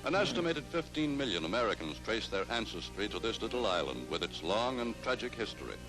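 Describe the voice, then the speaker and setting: A man's voice: lowish voice, big pitch swings, fairly quick, over loud music, rough recording. A man giving formal, declamatory documentary narration on an old newsreel soundtrack. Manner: formal, declamatory announcer delivery.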